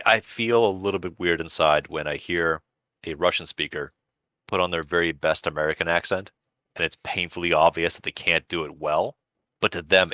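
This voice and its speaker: A man's voice: sits low, bright, forceful tone, no room sound. A man co-hosting a podcast in casual chat, with dry, sardonic humor. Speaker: podcast co-host.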